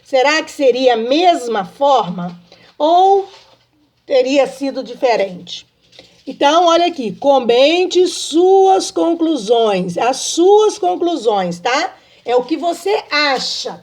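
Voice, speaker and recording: A woman teaching a remote lesson to young children, in a patient sing-song manner, checking often that they follow. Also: sits high. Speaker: primary school teacher.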